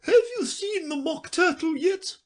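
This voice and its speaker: A man voicing a furious, imperious queen who shouts her commands in a storybook reading. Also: very high voice, sing-song, unhurried, pitched above the performer's own voice, full character voice.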